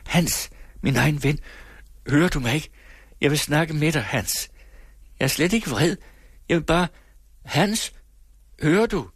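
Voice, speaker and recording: A man's voice: animated, breathy edge, dry recording, clean studio sound. A man voicing a desperate young village woman who pleads and then rages at her sweetheart. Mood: coaxing. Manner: pleading, then fierce and high.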